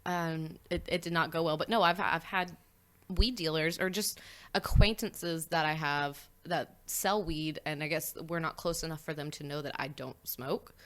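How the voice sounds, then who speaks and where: A woman's voice: deep voice, fairly even intonation, moderate pace, a bit bright. Candid Texan woman in her twenties. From Paris, Texas. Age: 20s. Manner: candid, swears freely, self-deprecating, laughs. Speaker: guest. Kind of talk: casual chat.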